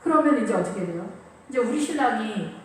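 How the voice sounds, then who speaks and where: A woman's voice: a little high, animated, fairly quick, a little hiss or hum. A woman pastor preaching a sermon in a church, talking in an emphatic, conversational way. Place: church sanctuary. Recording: echoey room, voice from a distance.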